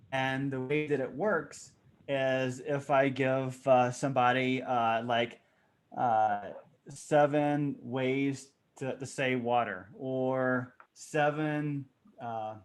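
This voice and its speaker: A man leads an online improv workshop over a video call. He talks at a middle pitch in a casual, halting way, restarting sentences and filling pauses as he explains. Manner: halting, with many fillers and restarts. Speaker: workshop facilitator.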